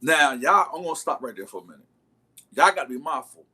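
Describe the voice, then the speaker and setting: A man's voice: on the high side, lively intonation, fast, bright, forceful tone, breathy edge. A man livestreaming, telling a long story in casual slang and calling out to his viewers. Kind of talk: casual storytelling to a live chat.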